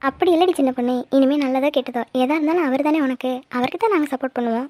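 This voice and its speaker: A woman's voice: high-pitched, racing, a little mellow, close to an everyday voice. A woman voicing a fond peacemaking cartoon aunt. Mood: soothing. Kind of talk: cartoon voice acting.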